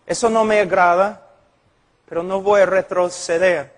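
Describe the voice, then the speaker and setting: Slow, high-voiced earnest preaching man. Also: steady tone. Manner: earnest, emphatic storytelling preacher. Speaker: pastor. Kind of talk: impassioned sermon.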